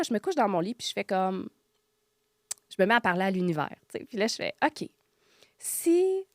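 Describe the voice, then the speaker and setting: A woman with a Quebec French accent, a guest on a podcast, telling her own experiences in animated casual talk and acting out what she thought and said. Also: mid-range voice, no room sound. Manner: animated, acts out her own quoted thoughts, drops to near-whispers. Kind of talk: casual storytelling interview.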